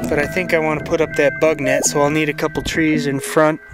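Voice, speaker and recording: A middle-aged man casually narrating his backcountry trip outdoors, talking to a handheld camera in an easy, unhurried way with fillers. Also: fairly high pitch, low-quality recording. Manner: relaxed, unhurried running commentary with fillers. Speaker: hiker filming his own trip. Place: outdoors on a snowy mountain ridge. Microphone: handheld camera at arm's length. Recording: background music over the voice.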